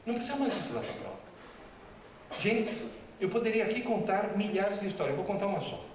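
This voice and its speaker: A man giving a lively storytelling lecture at a school, acting out dialogue with different voices. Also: high-pitched, brisk, a little hiss or hum. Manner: animated, acts out dialogue with voices. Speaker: teacher giving a talk. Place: school hall. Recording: very echoey hall, speaker far from mic.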